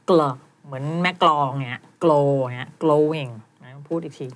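A woman with a Thai accent coaching students one on one in pronunciation, brisk and corrective, with some teasing. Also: extremely low pitch, fairly bright tone. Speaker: pronunciation teacher.

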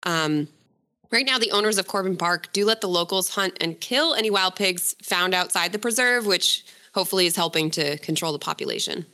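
A woman's voice: fairly low pitch, expressive, a little fast, pushed and bright. A woman presenting a story in a casual podcast chat, chatty and laughing often as she corrects herself.

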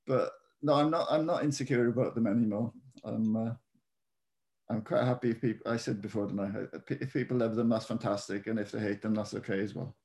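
Man, Welsh accent, soft-edged mellow timbre, hesitant, informal chat. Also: on the low side, fairly even intonation, brisk. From Wales. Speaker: author, interview guest. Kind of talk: casual chat.

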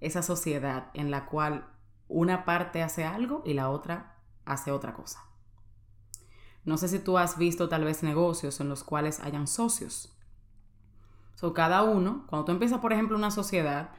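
A woman's voice: low-pitched, normal speed, reverberant. A woman hosting a podcast, sharing a personal testimony in an earnest, confiding way and speaking directly to the listener. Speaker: podcast host.

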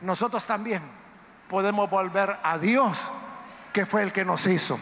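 A man preaching a sermon in a church, emphatic and dramatic, with sudden loud outbursts. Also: sits high, a little slow. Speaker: pastor. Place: church sanctuary. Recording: reverberant church hall, faint background noise.

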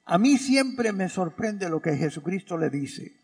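Brief: middle-aged male priest, high gravelly voice, slow emphatic sermon, church reverb. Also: big pitch swings. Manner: storytelling with quoted voices, emphatic pauses.

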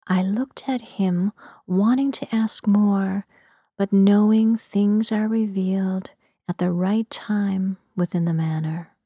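A woman narrating a story in a soft, hushed ASMR whisper. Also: mid-range voice, slow pace, breathy edge, no room sound, dull audio.

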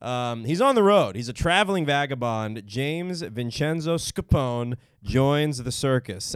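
A man's voice: mid-range voice, clear, resonant tone, dry recording, clean studio sound. A man hosting a podcast, telling a story playfully in casual comedic chat. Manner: playful, does silly voices mid-story.

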